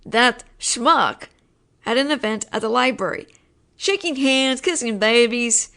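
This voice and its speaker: Playing a female mafia boss, a woman delivers an audio drama monologue in an unhurried, high-pitched, somewhat bright voice. Her mood is wry and explaining: she uses wiseguy slang and sighs at the incompetence surrounding her, yet beneath the exasperation she's apologetic and protective.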